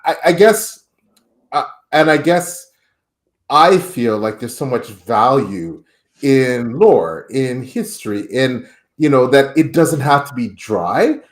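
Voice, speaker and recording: A man's voice: medium pitch, lively intonation, takes it slowly. A man hosting a podcast interview, enthusiastic and rambling, often repeating words as he talks. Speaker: podcast host. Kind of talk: casual interview chat. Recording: roomy echo.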